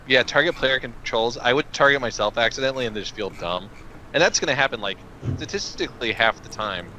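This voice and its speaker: A man chatting casually over a video call, joking around as he reviews cards. His pitch is average but swings a lot, and a faint hiss sits under his voice. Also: animated, brisk, bright, forceful tone. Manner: playful, jokey.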